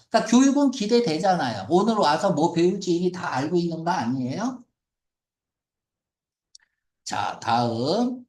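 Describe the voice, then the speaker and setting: Teaching an English reading passage, a man quizzes his class and blends English words into what he explains. He has a high voice with a darkish tone, recorded in an echoey room.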